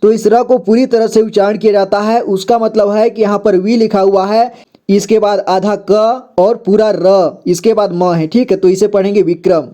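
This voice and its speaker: A man teaching Hindi reading, who reads a story slowly and spells words out letter by letter. He talks patiently and repeats each word to check it. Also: high voice, fairly even intonation, warm tone. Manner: patient, repeats words and says "ठीक है" often; reads story lines slowly, then breaks them into letters.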